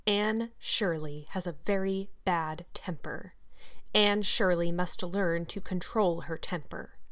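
A woman's voice: on the low side, fairly even intonation, moderate pace, natural voice. A woman reading a storybook, voicing a stern, solemn male schoolmaster with a reproving manner.

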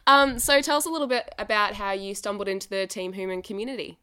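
A woman's voice: mid-range voice, fast, bright, forceful tone, clean tone. A woman hosting a podcast, bubbly and chatty, asking friendly questions. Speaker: podcast host. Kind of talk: casual interview chat.

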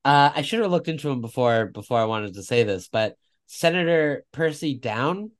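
A man's voice: medium pitch, animated, normal speed. A man co-hosting a casual political podcast, rambling and correcting himself as he talks, often laughing at his own stories. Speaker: podcast co-host.

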